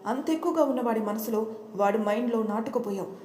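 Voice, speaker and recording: A woman's voice: fairly high pitch, quick pace, darkish tone, natural voice. Woman voicing a stern protective brother. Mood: consoling. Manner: stern, scolding. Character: angry protective older brother, man. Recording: roomy echo.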